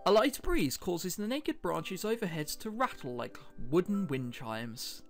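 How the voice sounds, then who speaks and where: A let's-player of unclear sex reads a visual novel's text aloud with casual commentary, breaking off for wry, joking asides. The mid-range voice moves through big pitch swings at an unhurried pace, with game music playing behind it.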